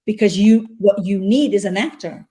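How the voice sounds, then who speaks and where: A North African actress with a dark-toned, mid-range voice speaks at normal speed in a casual interview. She's earnest and often repeats words while searching for them.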